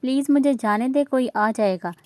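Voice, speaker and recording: A woman's voice: high voice, normal speed, a little mellow, no room sound, lightly acted. A woman reading aloud voices a nervous young woman who pleads and grumbles. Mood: pleading. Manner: pleading, flustered.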